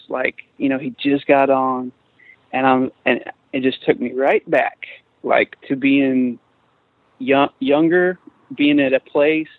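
Over a thin, phone-like remote connection with no room sound, a fairly high-pitched man speaks. He's a musician in his forties, a casual interview guest who rambles, keeps restarting and fills his talk with fillers.

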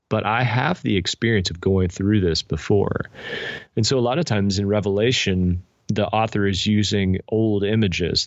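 With a low, gravelly voice and no room sound at all, this author and pastor talks as an interview guest. His explanations are thoughtful and conversational, sprinkled with illustrative asides, captured in a dull, dry, lo-fi recording.

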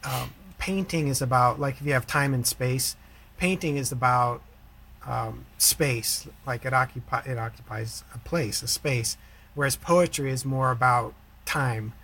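A man talking in a thoughtful, unhurried way in casual conversation, with a few restarts. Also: medium pitch, vocal fry, sharp tone, husky.

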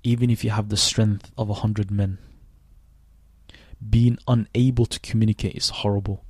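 A man in his twenties, raised in Sweden, hosting a reflective solo podcast in a thoughtful, unhurried way with many restarts. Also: on the low side, little pitch movement, darkish tone, no room sound. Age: 20s. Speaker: podcast host.

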